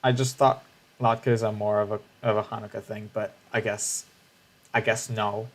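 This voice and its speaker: A man's voice: fairly low pitch, flat delivery, normal speed. A man livestreaming a video game, chatting casually and reacting to his chat, with frequent restarts. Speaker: streamer.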